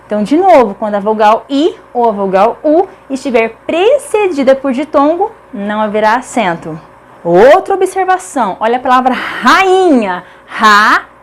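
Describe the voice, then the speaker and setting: A woman's voice: sits high, very animated, moderate pace. A Brazilian woman teaching an online grammar lesson. She speaks emphatically, repeats key words and asks rhetorical questions. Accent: Brazilian Portuguese.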